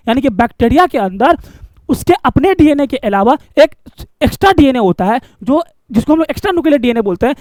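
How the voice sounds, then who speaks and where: Guy teaching biology class, talks real fast, dry close sound, keeps asking the class stuff. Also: very high-pitched, a little mellow, no echo. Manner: coaxing, asks the class questions and repeats key terms. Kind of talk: classroom lecture.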